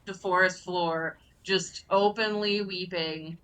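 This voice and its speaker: A woman's voice: lowish voice, fairly even intonation, slow, fairly bright tone, clean tone, low-quality recording. A woman playing a tabletop role-playing game, chatting casually in a playful, theatrical way as she improvises her character.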